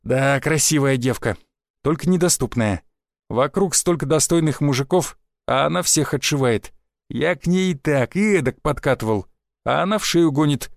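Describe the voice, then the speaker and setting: A man's voice: fairly high pitch, expressive, gravelly, dry recording, studio quality. A man voicing a blunt, coarse veteran hunter and mentor with a short temper. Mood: boastful. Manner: blunt, coarse, quick to anger.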